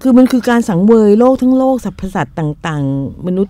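An older woman in a casual podcast discussion, emphatic and animated, with mocking asides. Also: mid-range voice, moderate pace, no echo. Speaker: podcast co-host.

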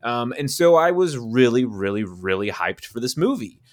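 A man's voice: medium pitch, big pitch swings, normal speed. A man co-hosting a casual movie podcast, ranting with profanity and incredulous laughter. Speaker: podcast co-host.

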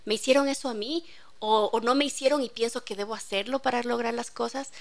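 A woman's voice: a little high, fairly even intonation, fairly quick, creaky. A woman, a guest expert on child feeding, speaking earnestly and reflectively. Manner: earnest, reflective, frequent affirming murmurs. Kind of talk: casual radio talk.

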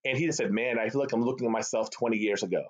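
With a crowd audible behind him, a middle-aged Boston-area sales executive talks very fast in a mid-range voice as an interview guest telling casual stories. He has a Boston accent, Arabic as his first language, and an animated, chatty manner full of "right?" tags. The call audio is slightly dull and lo-fi, from the USA.

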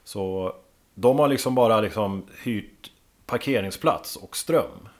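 A man, a drummer, chatting casually as a guest and telling lively stories with plenty of casual swearing. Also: on the low side. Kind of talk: casual podcast chat.

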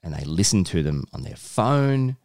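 A man's voice: low voice, sing-song, normal speed, a little mellow. A man hosting a casual podcast chat with a child, patiently prompting with questions and simple explanations. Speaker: podcast host, father talking with his child.

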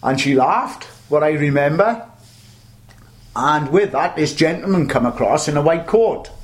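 Fairly high-pitched and animated, though a little slow, this older man tells rambling, chatty stories with frequent false starts. He's a veteran butcher being interviewed, and his accent is from the South Wales Valleys.

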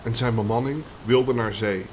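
A man reading a folk tale aloud on a podcast in a steady, matter-of-fact voice of middle pitch. He keeps a calm, even delivery, with a faint hiss of noise underneath. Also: brisk. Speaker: podcast co-host, storyteller.

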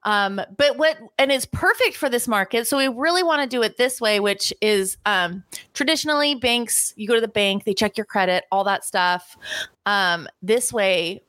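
A woman's voice: a little high, moderate pace, fairly bright tone, no echo. Chatty enthusiastic woman, dry sound. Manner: chatty, enthusiastic, hesitant with fillers. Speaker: podcast co-host. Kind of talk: casual podcast chat.

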